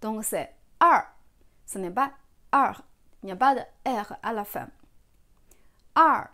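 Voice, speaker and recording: A woman's voice: medium pitch, fairly quick. A woman teaching a beginner language lesson, patiently coaching viewers to repeat after her and praising their efforts. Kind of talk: step-by-step pronunciation lesson.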